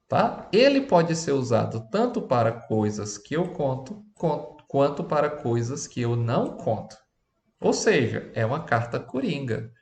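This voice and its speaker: A man's voice: medium pitch, a little mellow, reverberant. A man teaching an English lesson with a Brazilian Portuguese accent, chatty and often checking in with his students.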